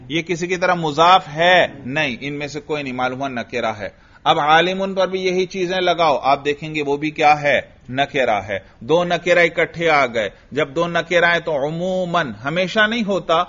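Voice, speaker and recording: A man's voice: on the high side, a bit bright. A man teaching an Arabic grammar lesson, firing questions at his students and answering them himself. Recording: dull lo-fi recording.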